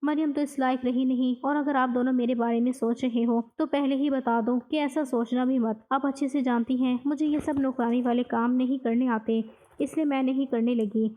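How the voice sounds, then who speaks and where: A woman voicing a scheming, arrogant young wife who talks in a sharp, bossy way in a storybook narration. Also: high-pitched, fairly even intonation, lo-fi sound, lightly acted. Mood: bossy scolding.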